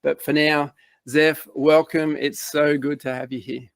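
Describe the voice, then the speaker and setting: A man's voice: on the high side, little pitch movement, measured pace, gravelly, clean tone, no room sound. A man hosting a podcast, introducing his guest with enthusiasm and asking questions. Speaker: podcast host. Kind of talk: podcast interview.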